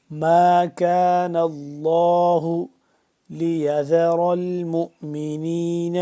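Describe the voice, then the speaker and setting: A man teaching Quran recitation with tajweed, explaining each pronunciation rule in quick, instructive steps. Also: a little high, warm tone. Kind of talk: step-by-step tajweed lesson.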